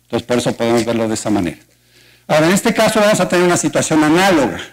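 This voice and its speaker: In a lecture auditorium, a math lecturer with a Mexican Spanish accent races through a university colloquium, laying things out step by step and asking the audience rhetorical questions. His voice is on the high side with lively intonation, captured in a rough recording.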